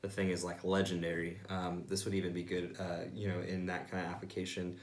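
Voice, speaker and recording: Low-voiced man giving sommelier tasting notes. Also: completely flat delivery. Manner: explanatory, frequently hesitant with ums and pauses. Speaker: wine tasting host and sommelier-style presenter. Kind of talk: informal sommelier tasting notes, explaining wine to viewers. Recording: roomy, echoey indoor sound.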